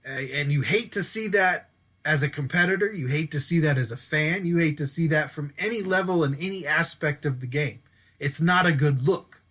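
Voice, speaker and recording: A man talks through the week's football games as the host of his own show, casual and chatty. His voice sits a little high and comes across bright and forceful. Now and then he stops to fix a slip of the tongue. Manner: casual, chatty, self-correcting. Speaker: sports podcast host. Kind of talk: solo sports commentary talk. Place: Denver.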